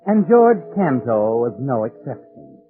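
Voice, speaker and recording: An American actor playing a sinister, all-knowing mystery narrator in theatrical, ominous 1940s radio suspense style. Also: male voice, mid-range voice, very animated, unhurried. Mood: knowing, grim. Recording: old narrow-band 1940s radio, music behind.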